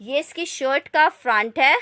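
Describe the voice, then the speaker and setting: A woman hosts a live shopping stream. Her voice is high and bright, with a forward edge. She repeats details in a steady sales patter and breaks off to chat casually with viewers. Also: a little slow. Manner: repetitive selling patter, repeating prices and sizes. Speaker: live online clothing seller.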